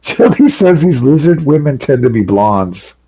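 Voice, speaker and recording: A man's voice: mid-range voice, sing-song, unhurried, dark tone, slightly rough, no echo, poor audio. A man hosting a late-night stream, reading chat comments aloud and chatting casually with a co-host, laughing often. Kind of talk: casual chat while watching videos.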